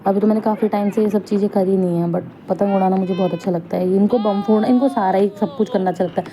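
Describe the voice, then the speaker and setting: A woman's voice: mid-range voice, steady tone, quick pace, dark tone. Chatty woman vlogging over noise. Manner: chatty, homely storytelling. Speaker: family vlogger. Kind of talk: casual vlog narration.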